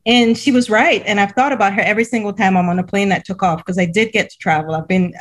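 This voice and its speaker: A woman's voice: medium pitch, fairly even intonation, quick pace. A middle-aged woman from Cameroon, a school CEO, telling her story in a casual interview, laughing often and repeating words as she goes.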